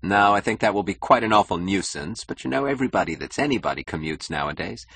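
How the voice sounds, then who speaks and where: A man's voice: low-pitched, lively intonation, quick pace, gravelly, a bit bright, slightly rough, no echo, exaggerated voice. A man voicing an insecure, status-hungry young husband who talks eagerly and boastfully in an audiobook. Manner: eager, boastful, nervously defensive. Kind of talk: audiobook character voice.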